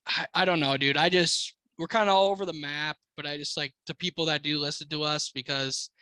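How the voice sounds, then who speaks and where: A man's voice: on the high side, fairly even intonation, a little fast, bright, forceful tone, clean tone, no echo. An American man co-hosting a casual podcast, talking like a slangy, swearing frat bro. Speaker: car podcast co-host.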